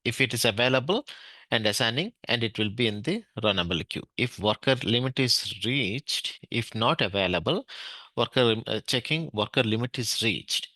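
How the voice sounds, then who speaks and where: A man with an Indian English accent teaching an online technical class, explaining step by step, often checking in with "right?" and pausing on fillers. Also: lowish voice, bright, forceful tone, no room sound. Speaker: database administration trainer.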